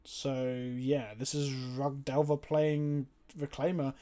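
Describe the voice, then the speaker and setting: A man's voice: medium pitch, level tone, slow pace, dark tone. A man on a livestream headset mic, chatting casually and thinking aloud as he plays a card game. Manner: chatty, thinks aloud while playing cards. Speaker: streamer. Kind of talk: casual gameplay commentary.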